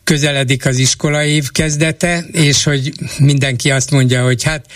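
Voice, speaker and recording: An older man hosting a call-in radio show, calmly summing up and interjecting briefly. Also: a little high, no room sound, studio quality. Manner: calm, brief interjections and summaries. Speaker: radio talk show host.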